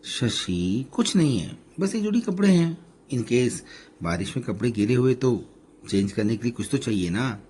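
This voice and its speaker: A man voicing a gentle middle-aged husband who patiently soothes his wife. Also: medium pitch, lively intonation, moderate pace, slight background noise, close to an everyday voice. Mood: reassuring.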